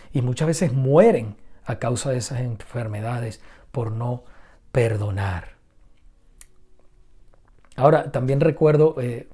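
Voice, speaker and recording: Mellow-voiced middle-aged male pastor preaching. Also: medium pitch. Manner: earnest storytelling preacher, rising to emphatic exhortation. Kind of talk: sermon.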